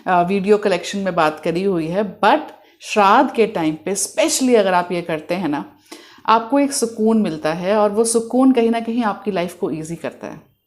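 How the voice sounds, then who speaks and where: Indian woman, soft-spoken spiritual healer. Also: mid-range voice. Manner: mixes Hindi and English, slows to a soft hush for the repeated prayer phrases. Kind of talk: spiritual guidance talk.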